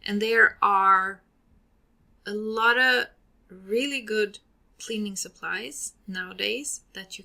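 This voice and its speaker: A Swedish woman hosts a solo podcast, offering earnest advice in English with a Swedish accent. Her mid-range voice has a sharp tone, and her sentences often trail off into breathy endings.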